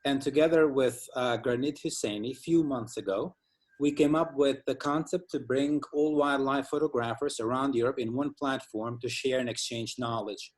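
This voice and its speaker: Albanian-accented male interviewer, careful and formal, many pauses. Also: mid-range voice, fairly even intonation, darkish tone. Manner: formal, careful wording with frequent hesitation fillers. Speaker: interview host. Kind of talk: semi-formal hosted interview.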